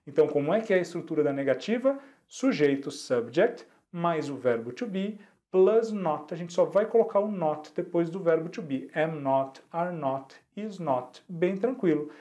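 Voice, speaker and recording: A Brazilian man teaching an online English lesson, repeating each example slowly and checking in with his students often. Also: on the high side, expressive, mellow. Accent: Brazilian Portuguese.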